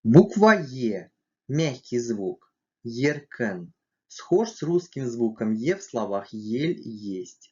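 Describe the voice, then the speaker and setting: A man gives a scripted language lesson at a very slow, deliberate pace, pausing on each letter and sound. His voice sits in an ordinary middle pitch, and the recording is muffled and lo-fi. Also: very animated. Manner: slow, careful, spelling out letters and sounds one by one. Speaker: language teacher.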